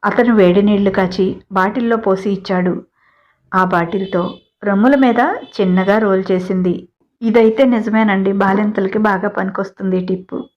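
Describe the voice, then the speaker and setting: A woman narrating a storybook tale in a steady reading voice, with chatty personal asides to listeners. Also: mid-range voice, moderate pace, dull audio.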